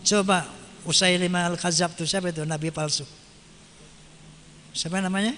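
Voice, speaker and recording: A man's voice: high-pitched, steady tone, normal speed, sharp tone, faint music behind. A male preacher giving a sermon in a casual, colloquial way, often asking the audience rhetorical questions. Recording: long hall reverb.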